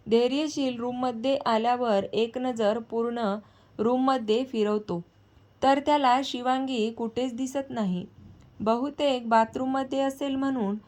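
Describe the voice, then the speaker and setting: A woman storyteller narrating a family story in a calm, steady reading voice. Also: fairly high pitch.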